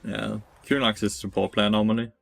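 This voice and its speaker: A man's voice: on the low side, flat delivery, fairly quick, gravelly, a bit bright, no echo. A young man streaming a game, giving blunt, profane commentary, laughing and answering chat. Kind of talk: casual gameplay commentary.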